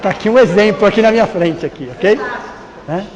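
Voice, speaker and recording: High-voiced Brazilian man lecturing a class. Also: a little fast, darkish tone, lo-fi sound. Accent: Brazilian Portuguese. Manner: conversational, quizzes the audience, repeats key words. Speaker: lecturer at a spiritist course. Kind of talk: informal lecture to a live class. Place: lecture room with a live audience. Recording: reverberant hall with faint noise.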